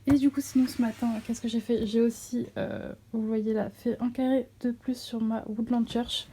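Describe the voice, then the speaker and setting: A woman vlogging casually in speech, rambling and breaking off her own sentences, her voice slightly hoarse and strained from a sore throat. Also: a little high, flat delivery, normal speed, dark tone, slight background noise. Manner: rambling, self-interrupting. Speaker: vlogger on a craft channel. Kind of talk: casual vlog chat.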